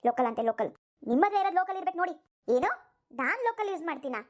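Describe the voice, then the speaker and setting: A woman's voice: extremely high pitch, sing-song, racing. A woman voicing a vain, quarrelsome young daughter-in-law in a cartoon. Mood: indignant. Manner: accusing, indignant. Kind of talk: cartoon voice acting.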